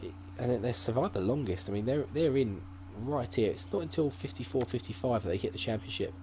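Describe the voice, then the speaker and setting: A man with a medium-pitched, expressive, brisk and mellow voice hosts a gaming channel, rambling through casual let's-play commentary and thinking aloud with plenty of fillers and restarts. He talks into a desk mic at his laptop, which hums faintly in the background.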